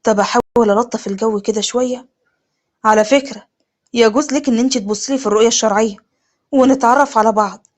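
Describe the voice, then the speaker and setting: امرأة تؤدي دور شاب مهذب وهادئ، بلهجة مصرية وصوت أوطى. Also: female voice, a little high, fast talker, natural voice. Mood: gentle. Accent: Egyptian. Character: gentle polite young man, the groom.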